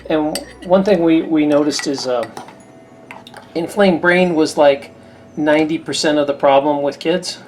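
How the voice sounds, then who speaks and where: Low-voiced chatty woman cooking at home. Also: measured pace, darkish tone, a little hiss or hum. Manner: rambling, chatty storytelling. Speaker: cooking channel host. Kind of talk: casual chat while cooking. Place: home kitchen.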